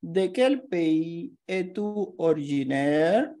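A woman's voice: on the low side, lively intonation, slow, warm tone. A woman giving a scripted grammar lesson as a language teacher, carefully reading out example sentences one by one.

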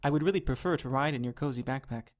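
A man voicing a gentle, polite little male butterfly creature in an animated storybook. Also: medium pitch, quick pace, close to an everyday voice. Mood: kind, cheerful.

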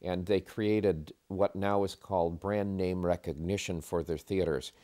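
A man's voice: sits low, fairly even intonation, a little slow, warm tone. A man interviewed for a documentary, explaining in an analytical way.

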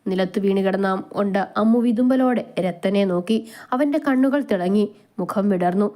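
A woman narrating a romantic drama story in a steady, measured reading. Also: medium pitch.

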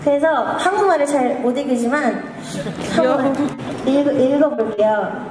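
A young woman, a singer chatting and reading aloud on stage in a bubbly, halting way. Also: high-pitched. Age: young adult. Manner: bubbly, halting, self-correcting. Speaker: singer hosting her own concert. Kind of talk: casual stage talk and reading aloud to fans. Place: on stage in a large indoor concert venue. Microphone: handheld stage microphone. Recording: echoey concert hall, crowd noise behind.

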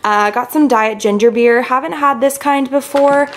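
Showing off her groceries at home, this young vlogger films handheld at arm's length by the kitchen counter. She's chatty, upbeat and full of filler words, speaking at normal speed in a high voice over slight background noise.

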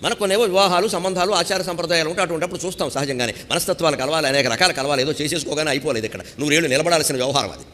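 Fast, bright-voiced preacher. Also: male voice, a little high, in a large hall, slight background noise. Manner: preaching with rhetorical questions, quoting Sanskrit verses. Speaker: spiritual speaker. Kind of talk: devotional discourse.

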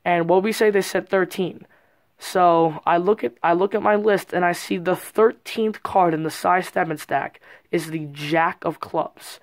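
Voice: medium pitch, measured pace. A presenter giving an informal, explanatory step-by-step card trick tutorial in a casual way. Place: indoors at a card table.

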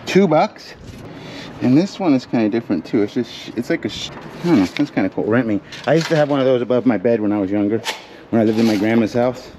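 A man's voice: medium pitch, animated, quick pace, noisy background. A man casually narrating a storage unit dig as he goes through boxes, chatty and joking, talking to his camera. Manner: chatty, joking, thinking aloud. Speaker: storage auction reseller. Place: metal storage container, indoors.

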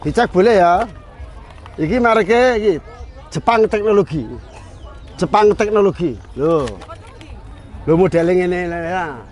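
A man with a Central Javanese accent selling lamps at an outdoor market, loudly joking and haggling prices down. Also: high-pitched. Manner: loud, joking, rapid counting and haggling. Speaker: street vendor selling lamps. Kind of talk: market sales patter, auctioning down prices.

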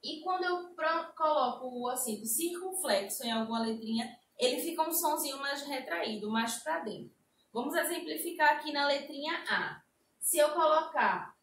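A woman teacher with a Brazilian accent, slowly explaining a lesson to young children and drawing out her example words. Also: sits high, a bit bright. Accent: Brazilian Portuguese. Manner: slow, sing-song explaining with drawn-out example words. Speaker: primary school teacher. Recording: echoey room, a bit distant mic.

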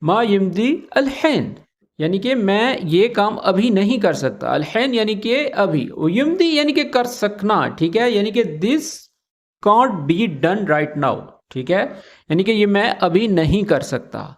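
A man with a Pakistani Urdu accent giving a casual Arabic lesson, repeating each phrase slowly and often checking in with the listener. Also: high-pitched, big pitch swings. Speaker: Arabic teacher. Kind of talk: casual spoken language lesson.

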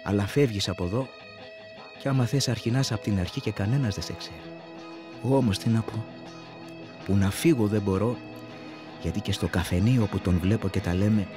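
Actor playing a deep-voiced weary confessor. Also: male voice, lightly acted. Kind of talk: radio play monologue. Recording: guitar music underneath.

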